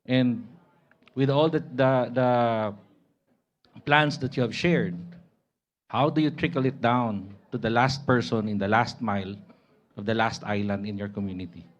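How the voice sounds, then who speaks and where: Filipino man, mid-pitched, addressing a panel. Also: unhurried, long pauses, dull audio. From Philippines. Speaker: mayor asking a question from the audience. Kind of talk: formal question to a panel.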